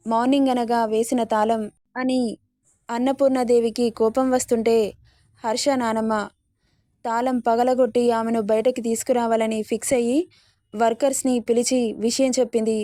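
A woman's voice: on the high side, level tone, normal speed, dark tone, dry recording, studio quality. Woman reading a love story aloud. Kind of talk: scripted story narration.

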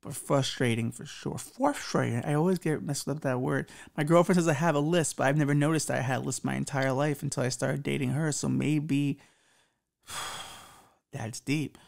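Profane and self-deprecating, a thirtysomething man with a slight lisp hosts a podcast, rambling on about relationship advice. He speaks at normal speed in a gravelly, medium-pitched voice.

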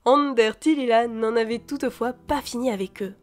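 A woman with a high voice reads a fantasy novel aloud, lively and expressive. She puts on voices for the dialogue, with faint music behind her. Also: normal speed. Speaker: audiobook reader.

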